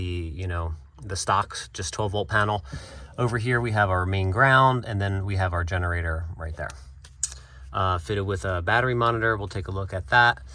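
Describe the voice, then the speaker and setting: Bright-toned man showing his work. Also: low-pitched. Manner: relaxed, with frequent fillers and restarts. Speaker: installer. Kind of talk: casual walkthrough of an installation.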